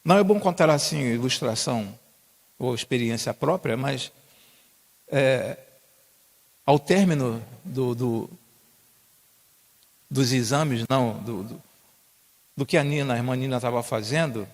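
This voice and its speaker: A man's voice: medium pitch, measured pace, pauses often. Preaching man in a reverberant church. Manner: repeats key phrases, rises to emphatic peaks. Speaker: pastor. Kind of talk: sermon. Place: church hall.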